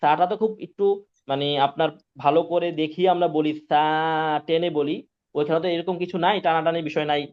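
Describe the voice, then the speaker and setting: Patient high-voiced male Quran teacher. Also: steady tone, fast talker, clean tone. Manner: patient, repetitive, asks students if they follow. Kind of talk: live online pronunciation class. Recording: dull lo-fi sound.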